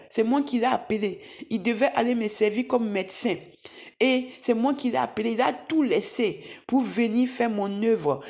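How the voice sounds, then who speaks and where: A middle-aged woman with a fairly high voice gives a spoken church testimony. She recounts a vision in animated, repetitive storytelling and addresses her listeners as beloved.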